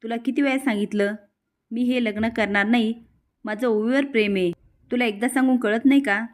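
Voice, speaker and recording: A woman's voice: on the high side, steady tone, normal speed, close to an everyday voice. Woman doing upset young guy arguing w his mom, pleading. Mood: indignant. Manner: pleading, indignant. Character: angry young man defying his mother.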